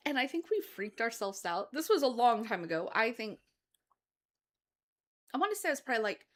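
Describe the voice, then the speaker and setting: A woman's voice: a little high, very animated, brisk. A woman co-hosting a casual chat, telling stories and laughing often. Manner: laughs often, chatty storytelling. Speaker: co-host, author.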